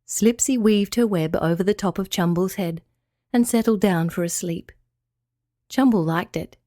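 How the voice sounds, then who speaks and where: Woman, children's story narrator, expressive, lively melody, dry close recording. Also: medium pitch, no room sound.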